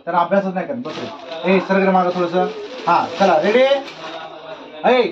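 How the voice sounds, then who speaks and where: A woman teacher running an alphabet quiz with a class of young children, giving brisk commands and telling them to speak up. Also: fairly low pitch, a crowd in the background. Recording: dull lo-fi recording in a noisy classroom. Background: children chattering.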